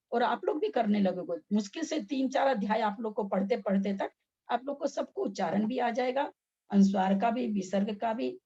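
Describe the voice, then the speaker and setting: A woman's voice: fairly high pitch, mellow, slightly rough, dull audio. A woman teaching Sanskrit pronunciation in an online class, patient and step by step, with repeated examples.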